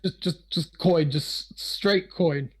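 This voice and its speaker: A man's voice: on the high side, slow pace, slightly rough. A man voicing a scheming former pirate who now runs a tavern, with a faint pirate twang that creeps into his boastful talk. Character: scheming ex-pirate tavern keeper, male, middle-aged. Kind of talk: tabletop game character voice.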